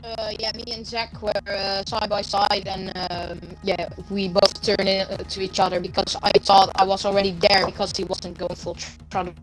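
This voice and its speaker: A woman on a voice chat line that lags and keeps cutting out, answering slowly with lots of fillers as an interviewed racing driver. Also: mid-range voice, little pitch movement, faint music behind. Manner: hesitant, halting answers with many fillers. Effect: glitching, lagging audio that keeps cutting out. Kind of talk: casual online voice chat. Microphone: online voice chat. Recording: distant, glitching voice chat line.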